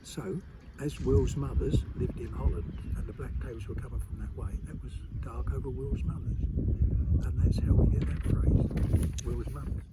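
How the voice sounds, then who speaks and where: A man's voice: medium pitch, noisy background. A man with an East Anglian Suffolk accent giving an informal, emphatic explanatory talk on dialect as a colloquial expert.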